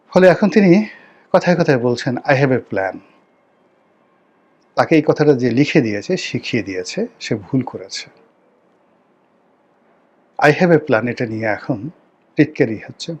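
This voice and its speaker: A man's voice: mid-range voice, lo-fi sound. Emphatic man giving political commentary. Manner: emphatic, rhetorical questions, mixes English phrases. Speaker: talk show guest. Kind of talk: political talk show commentary.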